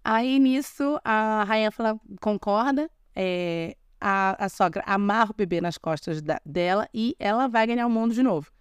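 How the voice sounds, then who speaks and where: A woman's voice: mid-range voice, moderate pace, hardly any pauses, smooth, dry recording, studio quality. A young woman with a Brazilian Portuguese accent hosting a podcast, retelling a fairy tale casually with sarcastic asides and frequent restarts. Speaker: podcast host. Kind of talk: casual storytelling with commentary.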